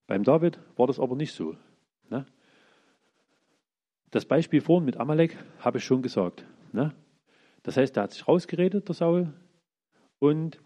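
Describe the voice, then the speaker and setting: Animated preacher, mellow husky voice. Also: male voice, mid-range voice. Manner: lively, acts out the characters' lines in everyday speech. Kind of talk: informal sermon retelling Bible stories.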